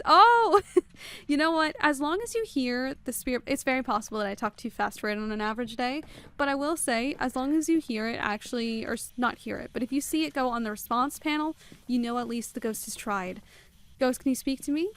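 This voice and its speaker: A woman streaming a game live, talking extremely fast and chatting with viewers as she plays. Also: sits high, clear, resonant tone. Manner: chatty, greets viewers by name. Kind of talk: live gameplay commentary.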